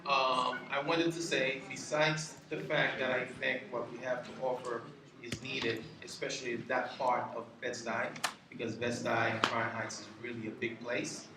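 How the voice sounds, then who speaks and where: Male business owner, halting flat delivery at a community meeting, distant in a noisy, echoey hall. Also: mid-range voice. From Haiti. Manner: halting, many ums and restarts. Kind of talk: public meeting presentation. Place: community board meeting room. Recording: roomy hall, distant mic, background noise.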